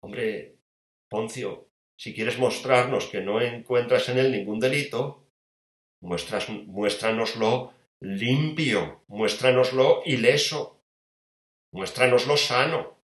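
Spanish preacher in an echoey room. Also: male voice, medium pitch, slow pace. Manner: vivid, with rhetorical questions and sudden drops to a hush. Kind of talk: dramatic sermon storytelling.

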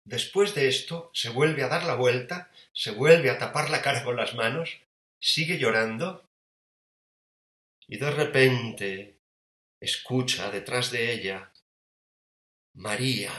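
A man preaching a sermon, retelling a scene tenderly and swinging between soft and emphatic delivery. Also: mid-range voice, roomy sound.

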